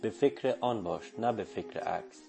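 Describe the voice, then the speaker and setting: Male reader doing a firm, mellow-voiced old wise man, lightly acted. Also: fairly low pitch, lively intonation, gravelly, soft background music. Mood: assured. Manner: firm, confident pronouncements. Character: calm old male sage, assured and cryptic. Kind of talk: audiobook reading.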